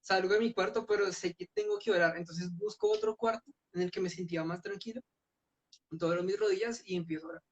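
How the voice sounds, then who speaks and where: At a church youth meeting, a young man shares his story as an earnest personal testimony, often starting over. His voice is high and steady, his pace fairly quick, and the lo-fi recording sounds dull.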